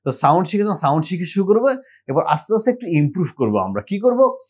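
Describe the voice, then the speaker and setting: Man, middle-aged, from Bangladesh, pediatrician, earnest advice talk, drawn-out repeated example words. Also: sits high, sing-song, darkish tone, husky. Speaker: pediatrician giving parenting advice. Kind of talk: direct-to-camera health advice talk.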